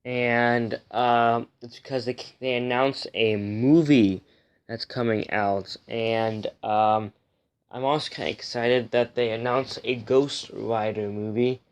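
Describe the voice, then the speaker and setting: This young comic book review host speaks slowly in a clean, mid-range voice with a steady tone. His review is casual and rambling, and he pronounces R's like W's, now and then fumbling his L's too.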